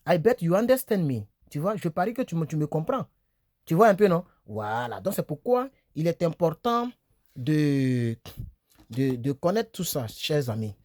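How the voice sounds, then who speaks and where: A man's voice: fairly high pitch, big pitch swings, a little mellow, no room sound, clean studio sound. Chatty man teaching English verbs. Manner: chatty, repeats words slowly, asks "tu vois, non?". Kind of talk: casual video lesson. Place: small room, on a bed.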